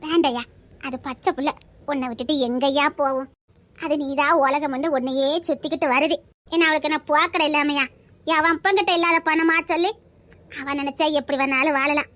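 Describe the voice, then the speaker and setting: A woman voicing a kindly old grandmother with a Tirunelveli Tamil accent, giving soothing, earnest advice in a low-key homemade drama. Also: steady tone, fairly quick, a bit bright, no echo. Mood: gentle counsel.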